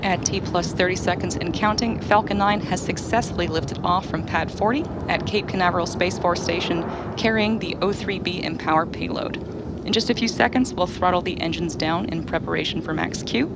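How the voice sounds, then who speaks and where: A woman presenting live launch commentary as a webcast host, explaining things in a clearly enunciated presenter style. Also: on the low side, fairly quick, very noisy.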